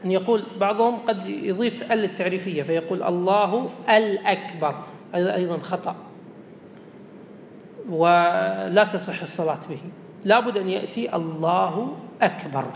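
A man's voice: a little fast, gravelly. A man teaching a religious law lesson, reading a line from a text and then explaining it plainly, going back over his points. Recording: echoey hall with faint rumble.

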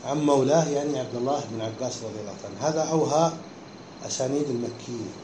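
A man's voice: mid-range voice, very fast. A man teaching a class, explaining a text step by step and often stopping to ask his listeners whether they follow. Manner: keeps checking understanding with short questions. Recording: echoey room with faint background hum.

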